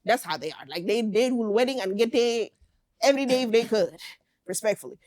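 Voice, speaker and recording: Animated, laughing woman talk host. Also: fairly high pitch, fairly quick, no room sound. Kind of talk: casual chat.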